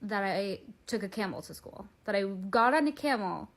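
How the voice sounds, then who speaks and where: A woman's voice: medium pitch, expressive, moderate pace. A woman telling a story to camera in an upbeat, amused way.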